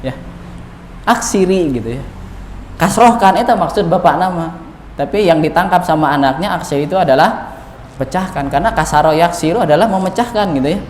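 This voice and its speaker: A man's voice: fairly high pitch, quick pace. Male preacher, chatty lecture with fillers; distant echoey hall sound, faint hiss. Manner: conversational, frequent "gitu, ya" fillers. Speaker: Islamic preacher. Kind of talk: mosque study lecture. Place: mosque hall.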